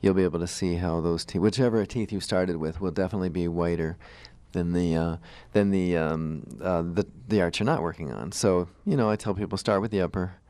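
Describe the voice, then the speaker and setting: A man's voice: deep voice, fairly even intonation, brisk, hardly any pauses, darkish tone, no echo. A man hosting a conversational radio show, explaining things in an informal way. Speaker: radio show host, dentist.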